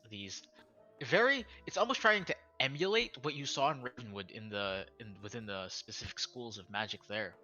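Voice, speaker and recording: A man narrates as game master, painting each scene while restarting and correcting himself. His voice is low but very bright. Faint music plays in the background. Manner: descriptive, with restarts and self-corrections.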